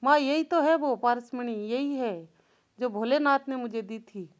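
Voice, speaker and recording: An eager, devout little girl speaks in a high voice, as a woman storyteller puts her on. She sounds excited and earnest. The recording is dull and lo-fi. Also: unhurried, lightly acted.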